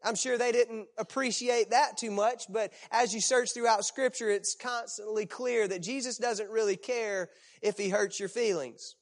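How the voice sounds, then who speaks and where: A man with a strikingly high voice preaches to his congregation. He retells the story with emphasis, stretching key phrases and turning to the room with rhetorical questions. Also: steady tone, moderate pace, few pauses. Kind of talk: sermon to a live congregation.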